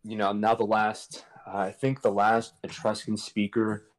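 A man with a lowish voice explains old languages in a loose, irreverent way, tossing in slang and jokes. He talks casually, like a guest on a chat show, and he comes through a video call. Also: level tone, unhurried, rough recording. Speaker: podcast guest explaining linguistics.

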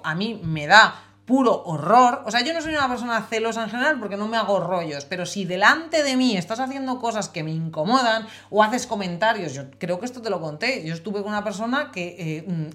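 A woman's voice: medium pitch, a bit bright. Woman on a podcast, blunt and sweary, talks straight and emphatic. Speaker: podcast co-host. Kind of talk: casual chat.

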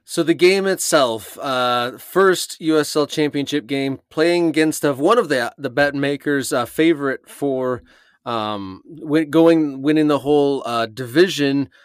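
Clear, higher-pitched male podcast host inside a closet. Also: a little slow, no echo, clean studio sound. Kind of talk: conversational sports podcast hosting. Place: small closet under the stairs.

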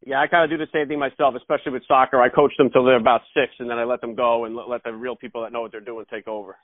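A man's voice: medium pitch, level tone, very fast, no echo. A man hosting a casual podcast interview, heard over a tinny phone-like line.

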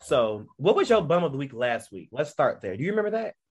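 A man co-hosting a podcast in casual chat, telling stories in an animated, slangy way. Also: fairly high pitch, fast, slightly rough. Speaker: podcast co-host.

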